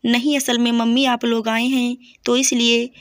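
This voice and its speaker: A woman's voice: fairly high pitch, level tone, normal speed, no room sound, studio quality, lightly acted. A woman voicing an eager, earnest young daughter-in-law in a storybook reading.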